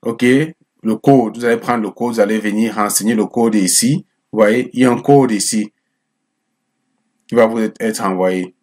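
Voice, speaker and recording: Fairly low in pitch, steady and a little mellow at a moderate pace, this man's voice belongs to an immigration advice YouTuber. In a chatty screen-share, he walks viewers through a job application site, repeating himself, addressing them as friends, and asking "ok?" again and again.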